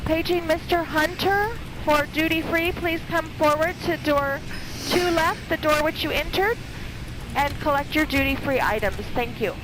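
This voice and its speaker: A woman giving a soft, polite paging announcement over a public address speaker, measured and even. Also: high voice, background noise.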